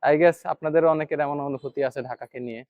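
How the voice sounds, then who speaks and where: Young man from Bangladesh, fairly high voice, rambling chatty vlog delivery, dry slightly muffled handheld sound. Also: steady tone, brisk, no echo. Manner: chatty, many fillers, talks to the viewer. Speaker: vlogger. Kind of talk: casual walking vlog. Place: city streets and shops, outdoors.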